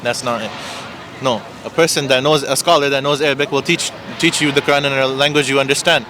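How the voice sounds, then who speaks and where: A man's voice: mid-range voice, steady tone, quick pace, very noisy. A man in an impromptu religious debate on the street, explaining his points insistently and repeating them. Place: outdoors on an urban street.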